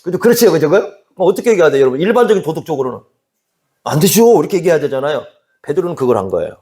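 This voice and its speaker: A man's voice: fairly high pitch, expressive, very fast, mellow. A man preaching a sermon in a conversational way, often asking the congregation questions and acting out quoted dialogue. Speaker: pastor.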